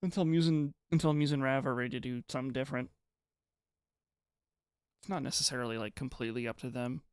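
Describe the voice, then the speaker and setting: A man with a smooth, steady mid-range voice talks fast in clean, studio-quality audio with no echo. Streaming live, he reads and answers chat messages casually, rambling and hesitant, often restarting his sentences.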